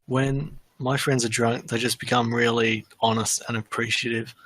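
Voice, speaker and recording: A young man with a mid-pitched, everyday voice tells rambling, halting anecdotes in casual podcast chat. The sound is dry and close. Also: level tone, a bit bright, no echo.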